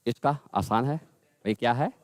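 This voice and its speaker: A man teaching a grammar lesson, repeating words slowly and calling his students "bhai". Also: medium pitch, no echo. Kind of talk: classroom lesson.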